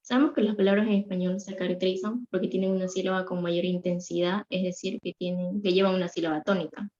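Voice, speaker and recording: A woman's voice: on the low side, fairly even intonation, fast talker, darkish tone. A woman student giving a class presentation, reading from slides with fillers and restarts. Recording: muffled lo-fi audio.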